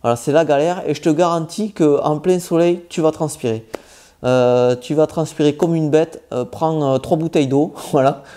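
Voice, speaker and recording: A travel vlogger from southwest France, his accent showing it, talks to the viewer in a slightly high, warm voice at a moderate pace. His travel tips are casual and informal, full of hesitations.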